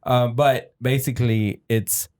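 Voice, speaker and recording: A man's voice: mid-range voice, fairly even intonation, unhurried, darkish tone, no room sound, clean studio sound. A man co-hosting a podcast, chatting casually, laughing often and calling his friend bro. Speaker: podcast co-host. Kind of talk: casual chat.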